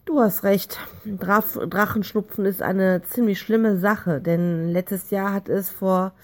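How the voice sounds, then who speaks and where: A woman voicing a worried father who calmly explains things to his family in a storybook reading. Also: mid-range voice, slow pace. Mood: serious.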